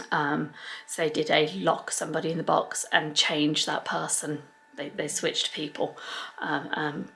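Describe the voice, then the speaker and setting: A woman's voice: low-pitched, gravelly, fairly bright tone. A woman, a mother chatting casually to camera in a family vlog at a holiday resort, rambling with frequent filler ums.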